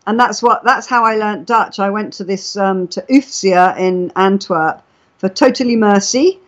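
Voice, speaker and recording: This English-speaking woman talks at a moderate pace in a mid-range voice, chatting casually on a live stream with stories and chatty explanations. The sound is dull, lo-fi internet chat audio.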